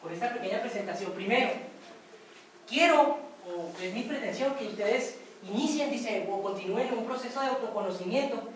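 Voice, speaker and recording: A woman's voice: fairly high pitch, animated, normal speed, slight background noise. A woman giving a workshop lecture to students, chatty and often checking with her listeners. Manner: conversational, asks for confirmation. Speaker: workshop instructor. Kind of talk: classroom lecture with storytelling. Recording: very echoey room from a distance.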